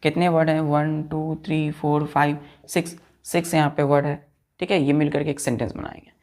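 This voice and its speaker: A man's voice: fairly high pitch, level tone, moderate pace, darkish tone. A man teaching an online grammar lesson as a patient teacher who repeats key points and keeps checking that students follow. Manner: mixes English words into Hindi explanation; patient and repetitive.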